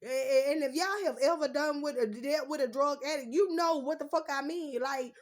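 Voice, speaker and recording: A woman's voice: sits high, normal speed. A woman in her thirties venting on her own video channel in a blunt, profane, heated way, her nose running. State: runny nose. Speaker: YouTuber. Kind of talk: unfiltered storytime vlog.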